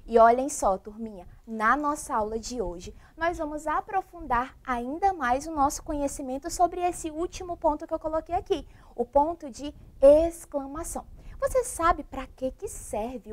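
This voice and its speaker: A woman teaching a primary school class on a broadcast lesson, asking the children at home many questions. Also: high-pitched. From Brazil. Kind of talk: televised remote classroom lesson.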